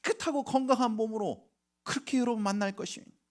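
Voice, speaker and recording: A middle-aged male pastor preaching a sermon, telling stories with sudden shifts between hushed whispers and loud outbursts. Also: very high voice, fast. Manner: storytelling, swings from quiet whispers to loud emotional outbursts.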